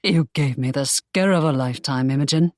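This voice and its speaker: Woman putting on a deep-ish gruff gentleman pirate type, teasing and soft, dry audiobook sound. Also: a little fast, no room sound. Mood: tender. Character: gruff, protective young nobleman suitor.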